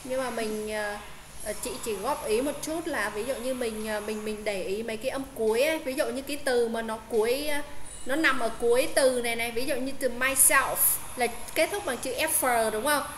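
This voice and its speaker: A woman's voice: fairly high pitch, normal speed, roomy sound, noisy background. A woman tutoring English pronunciation on a video call, explaining with many fillers and checking questions. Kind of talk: casual online tutoring. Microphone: Zoom call.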